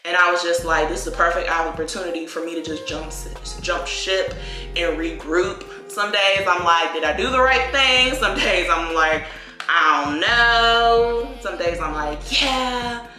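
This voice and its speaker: Telling her life story in loose, rambling talk, a young Virginia beauty vlogger stretches her phrases and sprinkles in plenty of "like" and "y'all," get-ready-with-me style. Her slightly low voice sounds very bright, and soft music plays beneath the room's echo.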